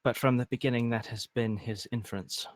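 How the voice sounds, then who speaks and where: A man's voice: mid-range voice, fairly even intonation, a little fast, no room sound. A man playing a tabletop game in character, talking things through in an earnest, deliberating way. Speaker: player. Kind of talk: in-character tabletop role-play.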